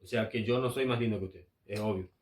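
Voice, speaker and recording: A man's voice: lowish voice, quick pace. A man from Argentina teaching an English grammar lesson, hesitant and repeating himself often, with frequent filler sounds. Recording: echoey room.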